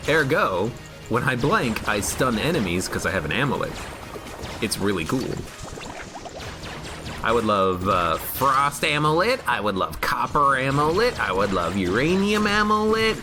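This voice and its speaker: Guy streaming a game, rambly and jokey, pitch bouncing all over, game music behind. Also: very animated, a little slow. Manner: rambling, jokey, reads chat aloud. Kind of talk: casual gameplay commentary.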